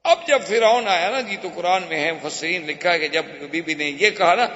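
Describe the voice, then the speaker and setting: Animated male preacher in a hall. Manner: animated, shifting pitch and emphasis. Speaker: religious preacher. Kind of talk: storytelling sermon. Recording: echoey hall, dull lo-fi sound.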